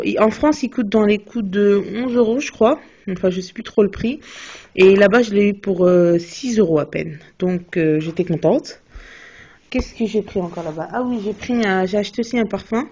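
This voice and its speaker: With a warm, medium-pitched voice at normal speed, a young beauty vlogger talks through her recent beauty purchases in a relaxed haul. She's hesitant, restarting and using lots of fillers. The phone recording sounds dull and lo-fi.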